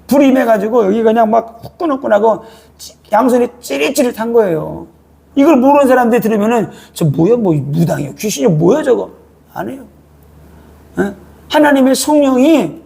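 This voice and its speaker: Male pastor, sermon, high raspy voice, chatty style that keeps asking the congregation "eh?". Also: warm tone. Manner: colloquial, prods listeners with repeated "eh?". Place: church.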